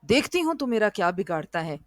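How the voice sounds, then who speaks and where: A woman's voice: big pitch swings, a little fast, dry recording, clean studio sound, lightly acted. A woman voicing a sly, vengeful female cat who gloats and snaps in a storybook tale. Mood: angry. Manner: shrill, gloating and spiteful.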